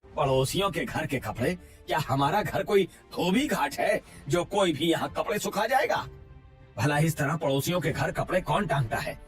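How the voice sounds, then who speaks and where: A man's voice: a little high, expressive, normal speed, faint music behind, natural voice. A man doing an irritable scolding husband. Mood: irritated. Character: annoyed office-going husband.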